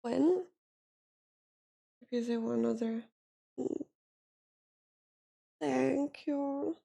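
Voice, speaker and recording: A woman's voice: high voice, drawn-out words, gravelly, warm tone, breathy edge. A woman streaming live, chatting casually and thanking viewers, tired and emotional, close to tears.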